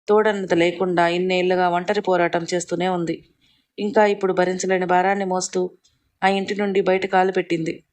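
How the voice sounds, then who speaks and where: An earnest young woman pleads with a close family friend, her voice steady and flat in pitch. A narrator reads her lines in a plain storybook reading, with little change of tone. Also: close to an everyday voice.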